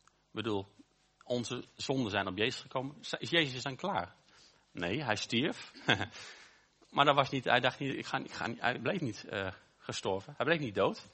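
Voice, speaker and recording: A man preaching a sermon, with an emphatic, repetitive cadence and slow, stressed phrases. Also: mid-range voice, expressive, pushed and bright, slightly rough.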